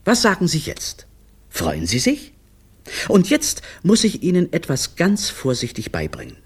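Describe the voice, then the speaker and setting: A man voicing a timid, fussy male circus clown who rushes his words nervously. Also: high voice, wildly swooping pitch, darkish tone, slightly rough, voice pushed up, exaggerated voice. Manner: nervous, rushing.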